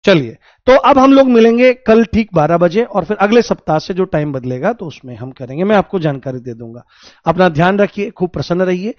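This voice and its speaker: A man teaching a live online class, lively, repeating points and questioning his students. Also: high-pitched, fairly quick, no room sound, dull audio.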